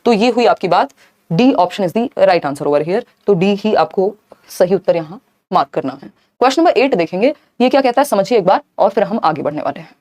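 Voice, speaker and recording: A woman teaching a live online exam-prep lesson, explaining answers briskly and answering viewers in the chat. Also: mid-range voice, lively intonation, darkish tone.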